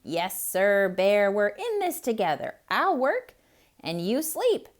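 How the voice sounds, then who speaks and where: A woman voicing a clever, scheming male hare who talks in a raised, eager, loud voice. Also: mid-range voice, sing-song, slow pace.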